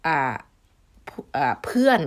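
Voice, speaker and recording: A Thai woman vlogger with an Isan accent, chatting casually to her viewers, giving friendly warnings with many fillers. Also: measured pace.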